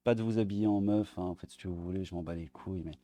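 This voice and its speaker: A man's voice: low voice, fairly even intonation, fast talker, warm tone, a little hiss or hum. A man giving sarcastic, crude commentary while reading articles aloud, often muttering asides under his breath. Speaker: online video commentator.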